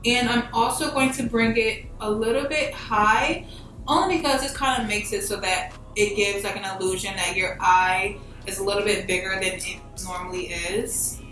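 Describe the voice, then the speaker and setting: A young American beauty vlogger gives a casual, step-by-step makeup tutorial in an informal, slangy, emphatic style. Her voice is medium-pitched, fairly bright and moderately paced, captured on a distant mic in a very echoey room with background music.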